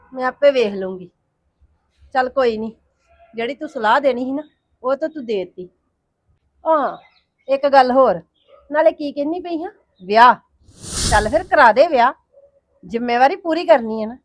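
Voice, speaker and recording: A woman's voice: high-pitched, no echo. An actress playing a wronged woman who answers her family's taunts with bitter resignation, speaking. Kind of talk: Punjabi family drama acting.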